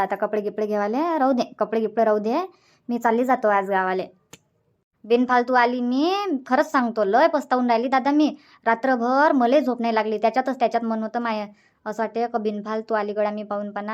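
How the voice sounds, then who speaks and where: In a dialect cartoon comedy, a woman voices a fretful, regretful village sister, plaintive and repetitive, in the Varhadi Marathi accent of Vidarbha. Her voice leans high with a steady tone at a brisk pace, close to everyday speech, though the highs are cut off.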